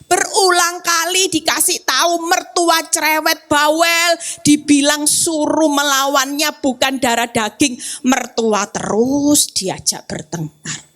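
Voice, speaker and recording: A high-pitched woman evangelist speaks. She delivers her sermon at an unhurried pace and brings it to life by acting out quoted voices and asides. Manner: lively, acts out quoted voices and asides to the congregation. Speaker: evangelist preacher. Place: church hall, on-site service.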